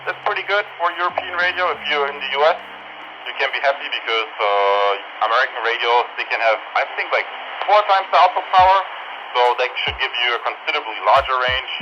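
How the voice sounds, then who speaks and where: A man reviewing products gives range-test commentary over a walkie-talkie, repeating his phrases for the test. His voice is medium-pitched and fairly quick, and the recording is muffled, band-limited radio sound with a noisy background and music behind it.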